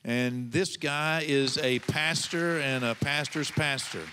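A man's voice: fairly high pitch, slow, big-room sound, crowd noise, background noise. A man, the host pastor, introducing a guest and praying fervently, repeating Lord and God. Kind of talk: introduction and prayer.

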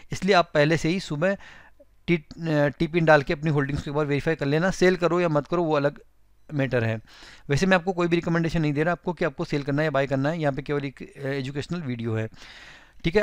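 Brief: Indian man, tutorial host, fairly high smooth voice, dry close mic, chatty step-by-step explainer. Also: no room sound. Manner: conversational, explains step by step, addresses viewers as friends. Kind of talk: screen-recorded explainer with annotations.

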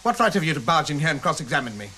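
An actor playing a middle-aged, defensive legal adviser with formal, prickly phrasing in a television drama. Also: male voice, on the high side, big pitch swings, racing, bright, forceful tone. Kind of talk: naturalistic television drama acting. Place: small office indoors.

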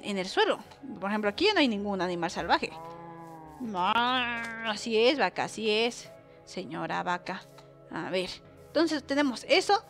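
Woman gaming host, higher pitch, excitable let's-play chatter with yelps, soft music bed. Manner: excitable, bursts into shrieks and squeals; chatty, talks to viewers as she plays. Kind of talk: let's-play gameplay commentary.

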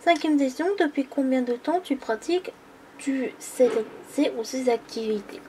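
A woman's voice: high voice, normal speed, warm tone, slight background noise. A woman in her twenties from the Île-de-France region, chatting casually and hesitantly while coloring on camera at a table, with many fillers. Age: 20s. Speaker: coloring YouTuber. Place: indoors at a table.

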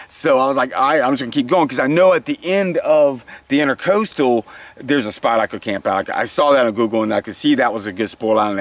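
A man in his forties talks to his camera outdoors on a shell beach by open water. He tells his day in a loose, halting way, restarting his sentences and trailing off. The sound is close and plain, from a camera held near him. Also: medium pitch, a bit bright. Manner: rambling, halting, with frequent restarts and small laughs. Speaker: kayak travel vlogger. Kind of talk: casual outdoor video diary. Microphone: handheld camera or lapel, close framing.

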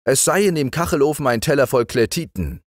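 In a clean studio recording with no echo, a man voices a sly, cunning wandering stranger in a knowing tone. His voice is medium in pitch and sits a bit above his natural register while staying close to everyday speech. He talks fairly quickly with lively intonation.

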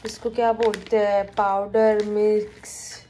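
A young woman talks her way through cooking in a home kitchen, with a faint hum of noise behind her. Her voice is mellow and her pitch stays flat. She rambles and keeps correcting herself mid-sentence. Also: slow pace, rough recording. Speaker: cooking vlogger. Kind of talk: casual cooking vlog chat.

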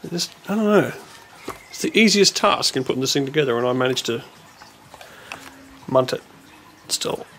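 A man's voice: medium pitch, expressive, moderate pace, pauses often, fairly bright tone, slight background noise. A man chatting casually in a playful, giggly way, recorded on a handheld camera in a home. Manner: giggly, playful, mock-quoting. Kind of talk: casual joking chat. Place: indoors in a cluttered home dining room. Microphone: handheld camera microphone.

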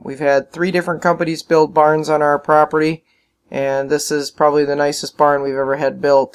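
A man casually narrating a video about his farm, plainspoken and relaxed, with frequent fillers. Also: on the high side, smooth.

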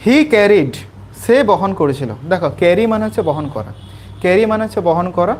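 With a voice that sits high and lively intonation, this West Bengal tutor walks a small class of school students through an English textbook passage step by step. He repeats himself patiently and checks understanding with quick questions, with slight background noise.

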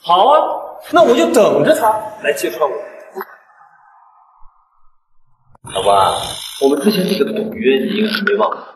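A cocky, teasing young healer. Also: male voice, high voice, huge pitch swings, brisk. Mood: confident. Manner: teasing, smug, chuckling. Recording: echoey hall with background noise.

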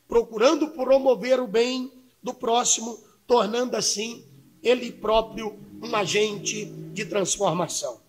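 A man in his thirties with a Minas Gerais Brazilian accent reads a formal speech from a podium microphone in a council chamber. His voice sits very high, and he speaks slowly, in a measured and solemn way. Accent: Brazilian Portuguese, Minas Gerais. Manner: measured, solemn, reading from notes. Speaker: church pastor giving a speech. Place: city council chamber, indoors.

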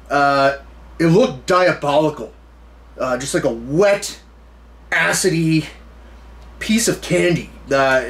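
High-pitched American man, challenge host. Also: a bit bright. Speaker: food challenge video host. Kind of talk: casual to-camera challenge talk. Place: small indoor room full of memorabilia.

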